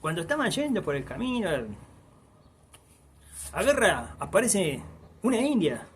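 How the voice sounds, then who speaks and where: With slight background noise, a storyteller whose high-sitting voice swings widely in pitch spins a folk tale a little slowly in Argentine Spanish. The narration meanders in oral fashion, with "dice" popping up again and again.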